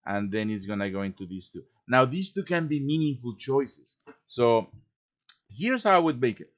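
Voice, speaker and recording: This man speaks in a sing-song, mid-range voice at normal speed. He's hosting a casual live stream over online voice chat, teaching game quest design and frequently checking in with listeners in a chatty manner.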